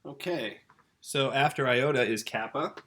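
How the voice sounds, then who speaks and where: Slight background noise accompanies a middle-aged man giving a casual video lesson at a measured pace in a medium-pitched voice. Relaxed and chatty, he fixes his own mistakes while writing on a board.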